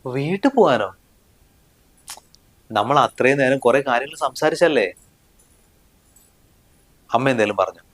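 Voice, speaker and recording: A man's voice: mid-range voice, animated, a little slow, long pauses. A young man playing a loyal husband who answers firmly and reassures his ill wife in a family short film. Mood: reassuring. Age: young adult. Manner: firm, indignant, reassuring. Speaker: husband and son.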